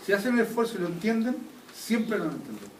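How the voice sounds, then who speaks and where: A man's voice: high voice, sing-song, fast talker. A man teaching an anatomy class, constantly quizzing students with check questions. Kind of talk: classroom lecture. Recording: echoey room, taped from a distance, faint noise.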